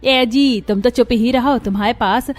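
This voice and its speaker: A woman's voice: fairly high pitch, normal speed, lightly acted. A woman voicing a cruel middle-aged mother-in-law in a cartoon, harsh and taunting, over faint music. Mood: scolding. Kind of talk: cartoon voice acting.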